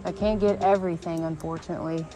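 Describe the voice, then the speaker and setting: A woman, chatting excitedly to viewers while filming a fishing trip outdoors on a rocky riverbank. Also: on the low side, quick pace. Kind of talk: casual outdoor vlog narration. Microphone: action camera worn on the body. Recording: background music over outdoor audio.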